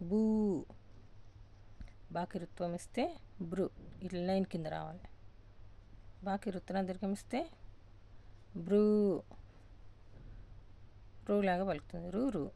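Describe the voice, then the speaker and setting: Gravelly, mellow-voiced woman teaching. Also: lowish voice. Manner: slow, deliberate syllable-by-syllable recitation; repeats each sound patiently for learners. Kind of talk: step-by-step Telugu alphabet lesson.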